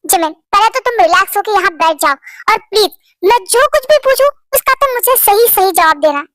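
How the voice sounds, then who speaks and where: Teasing flirty boss man, as a woman reader puts him on, very high bright voice, soft music behind. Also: expressive, fairly quick, exaggerated voice. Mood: earnest. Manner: playful, teasing. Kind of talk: Hindi fan-story voice acting.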